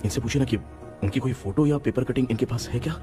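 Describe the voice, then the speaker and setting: A man's voice: medium pitch, fast talker, dark tone, faint music behind, lightly acted. An actor dubbing an anxious young man who is a devoted son and talks in an earnest, worried way. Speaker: young man haunted in dreams. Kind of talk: Hindi film dubbing.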